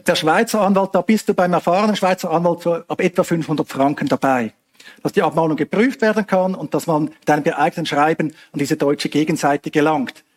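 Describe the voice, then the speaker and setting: This Swiss man has a slightly high voice and a brisk delivery. He answers audience questions after a talk, explaining things with hedging asides and plenty of fillers.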